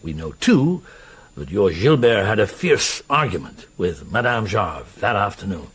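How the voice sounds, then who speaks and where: An actor playing a patient, perceptive police inspector in a radio drama, hesitant, avuncular and probing. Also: male voice, fairly low pitch, very animated, a little slow, fairly bright tone, breathy edge, heavily acted. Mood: measured, deliberate.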